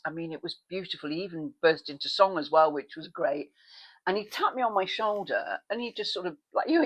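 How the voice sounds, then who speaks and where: Woman, chatty vlogger, rambling asides, lively pitch swings. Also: rough recording. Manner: animated, with sudden pitch leaps when excited. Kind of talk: casual chat.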